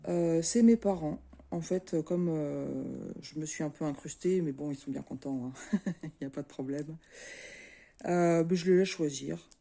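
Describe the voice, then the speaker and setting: A middle-aged woman from France, a craft vlogger chatting casually to her viewers in a relaxed, easygoing way with many fillers. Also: low-pitched, measured pace, gravelly. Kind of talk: casual chat to camera.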